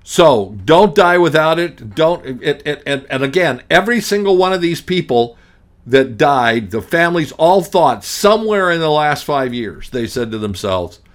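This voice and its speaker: A man's voice: a little high, sing-song, moderate pace. Blunt, grumpy middle-aged male radio host. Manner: emphatic, ranting, hammering repetition; frequent restarts, blunt and grumpy. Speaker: estate planning attorney. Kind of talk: radio talk monologue.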